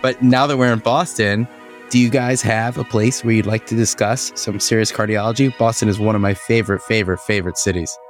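A man's voice: fairly low pitch, fairly even intonation, fairly quick, soft background music. A man co-hosting a medical podcast, chatting enthusiastically. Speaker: podcast co-host. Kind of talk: casual chat.

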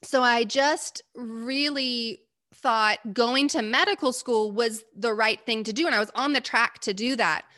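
An American woman in her forties, an interview guest telling a personal story in an animated way and acting out the voices she quotes. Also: fairly high pitch, a little slow. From United States.

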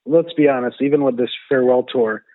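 A man's voice: medium pitch, fast, no echo. A man calling into a casual sports podcast over a thin phone line, joking and self-mocking while sick with the flu. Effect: thin phone-line sound, calling in by satellite link. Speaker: podcast co-host calling in remotely.

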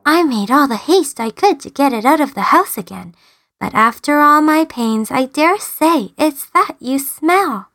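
A woman's voice: high-pitched, expressive, unhurried, fairly bright tone, no echo, heavily acted. A woman voicing a sweet, coaxing young princess in a storybook reading.

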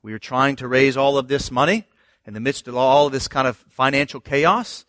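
A man's voice: medium pitch, normal speed, a bit bright, dry recording, clean studio sound. A middle-aged man, a pastor, telling his story earnestly in a sermon with fillers and restarts.

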